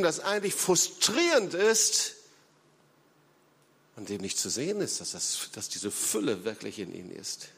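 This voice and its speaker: Emphatic preacher man in a reverberant hall. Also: fairly high pitch. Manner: emphatic preaching with big swings in loudness; frequent hesitation fillers. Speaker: pastor. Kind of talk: sermon.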